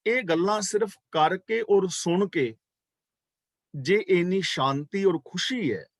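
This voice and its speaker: A man teaching a scripture class, chanting verses slowly and then explaining them in a calm, measured way, repeating key words for emphasis. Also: fairly high pitch, no echo, studio quality.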